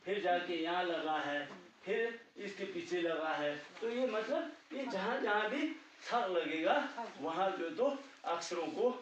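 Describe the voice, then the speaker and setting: Patient high-voiced male language teacher, echoey. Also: expressive, measured pace, a bit bright, a little hiss or hum. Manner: patient, repeats "ठीक है" often, checks understanding. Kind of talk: classroom teaching. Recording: echoey room, distant mic, dull sound.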